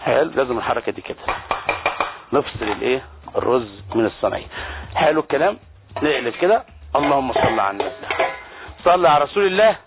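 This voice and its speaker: Fast-talking Egyptian TV chef, tinny sound. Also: male voice, mid-range voice, lively intonation, gravelly. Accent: Egyptian Arabic. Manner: exclamatory, playful banter with crew. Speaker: TV chef and cooking show host. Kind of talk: lively cooking demonstration. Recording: tinny phone-like broadcast audio with faint music.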